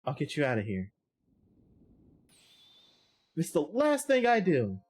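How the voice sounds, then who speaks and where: A woman voicing an eager, loyal little male dog in a video game, squeaky and yelping with excitement. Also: slow, husky, exaggerated voice. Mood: urgent. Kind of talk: reading game dialogue aloud on a stream.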